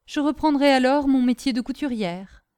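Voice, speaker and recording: Courteous, firm young seamstress, voiced by a woman; steady refusals, a little higher voice. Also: normal speed, clean tone, lightly acted.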